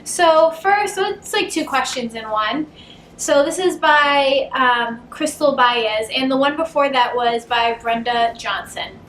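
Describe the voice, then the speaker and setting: A woman's voice: high-pitched, measured pace, a bit bright, a little hiss or hum. A woman with a Boston accent hosting a casual couple Q&A at home, chatty and rambling, laughing often. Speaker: channel host. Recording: roomy, distant camera sound.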